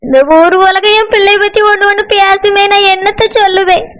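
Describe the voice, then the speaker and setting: A woman's voice: very high voice, level tone, moderate pace, a bit bright. A woman doing a sobbing cartoon village mother. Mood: distraught. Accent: Kanyakumari Tamil. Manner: wailing, pleading, sobbing. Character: tearful village mother of a missing bride. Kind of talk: cartoon voice acting.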